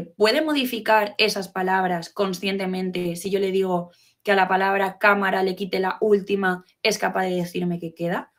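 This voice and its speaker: A woman giving an explanatory talk to fellow professionals, asking rhetorical questions and checking in often. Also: mid-range voice. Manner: teacherly, poses rhetorical questions, frequent "¿vale?" check-ins. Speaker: educator giving a talk on literacy.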